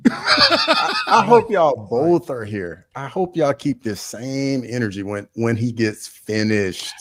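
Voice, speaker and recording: A man's voice: mid-range voice, big pitch swings, slow, fairly bright tone. A man from Nigeria co-hosting a live podcast, boasting confidently in the banter. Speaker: podcast co-host.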